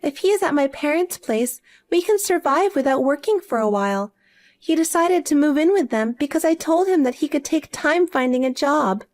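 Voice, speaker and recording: Whiny, desperate older sister, high-pitched and pleading, as a woman reads her. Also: animated, moderate pace. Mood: self-pitying.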